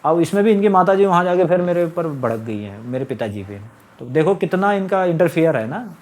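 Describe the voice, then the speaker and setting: A man's voice: fairly high pitch, very animated, brisk, a little mellow. A young man telling his own story in a casual, aggrieved monologue to camera, often quoting others. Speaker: vlogger.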